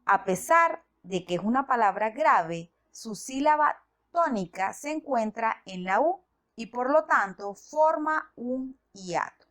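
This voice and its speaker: Female teacher, slightly high voice, unhurried lesson delivery. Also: animated, fairly bright tone. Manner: slow, deliberate, spelling out examples. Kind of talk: educational lesson narration.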